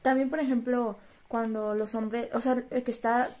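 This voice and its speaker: Woman on a chat podcast, higher pitched, agrees a lot, jumps in. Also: steady tone, normal speed, darkish tone. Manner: agreeable, chimes in often. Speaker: podcast co-host. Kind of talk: casual conversation.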